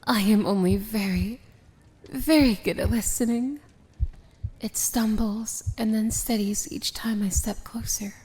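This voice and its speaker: A woman voices a powerful dark fantasy princess, speaking very slowly in a mid-range voice that is mellow and creaky. Her tone is tender and solemn, and her formal, poetic lines often drift into a whisper, like romantic ASMR roleplay.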